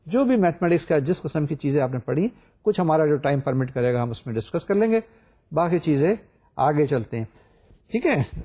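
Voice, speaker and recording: A man's voice: on the high side, mellow. An older man giving a recorded university lecture, explaining step by step and asking the class rhetorical questions.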